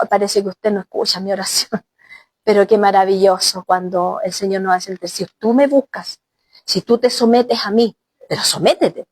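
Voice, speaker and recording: A woman's voice: medium pitch, darkish tone. A woman pastor preaching a sermon, often exclaiming and speaking straight to the congregation as brother and sister. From Chile.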